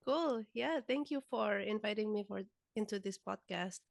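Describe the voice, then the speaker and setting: A woman's voice: mid-range voice, normal speed, creaky, no echo, clean studio sound. A young woman, a guest musician chatting casually in an interview, with many filler words. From Indonesia.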